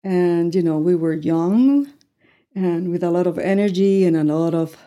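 A woman's voice: fairly low pitch, measured pace, warm tone. A woman, talking earnestly as an interview guest, with many fillers. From Puerto Rico. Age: 60s. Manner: earnest, with frequent fillers and light laughs. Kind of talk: conversational interview.

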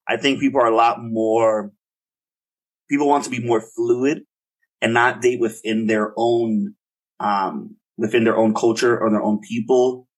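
A young man co-hosting a casual podcast chat, talking in a hesitant, rambling way with many fillers and restarts. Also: mid-range voice. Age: young adult. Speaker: podcast co-host.

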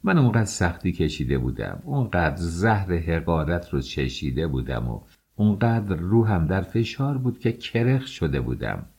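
Deep, husky-voiced male audiobook narrator. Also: highs cut off. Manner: expressive storytelling, voices dialogue with shifts in tone.

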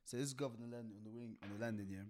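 A man's voice: mid-range voice, rapid-fire, a crowd in the background. A man with a London roadman accent telling stories casually in street slang, insistent and repeating himself. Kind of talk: casual animated storytelling.

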